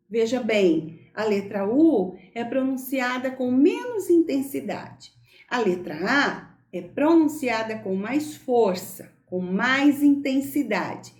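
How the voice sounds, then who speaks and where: A woman teacher giving a recorded school lesson, speaking slowly and stressing words carefully for young pupils. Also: fairly high pitch, a little mellow, echoey room.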